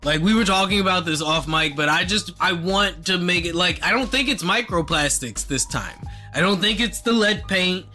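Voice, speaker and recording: Bright, high-voiced podcast co-host. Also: male voice, faint music behind. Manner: animated, profane, laughing, jumps into quick impressions. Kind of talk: casual podcast banter.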